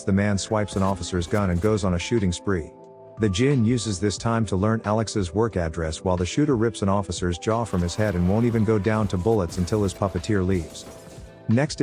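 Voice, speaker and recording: Soft music plays beneath a man's fairly deep voice as he recaps a film. He reads from a script with a sardonic edge, dropping flippant remarks as he goes.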